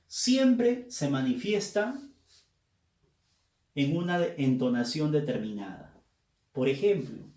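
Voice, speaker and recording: A male teacher explaining a lesson slowly and deliberately, stressing the key words. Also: mid-range voice, darkish tone. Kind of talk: recorded grammar lesson. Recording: roomy echo.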